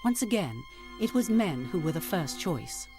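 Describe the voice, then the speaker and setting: A woman giving measured, scripted documentary narration. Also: lowish voice, sing-song. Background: music.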